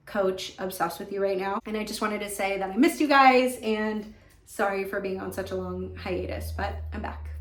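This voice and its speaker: A young American woman talks in a casual, enthusiastic vlogger style. Her voice sits at a middle pitch and she repeats words for emphasis. The sound is strongly echoing, recorded in a bathroom on a camera's built-in microphone. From California. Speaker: fashion vlogger. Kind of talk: casual chatty favorites vlog. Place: indoors in a home bathroom.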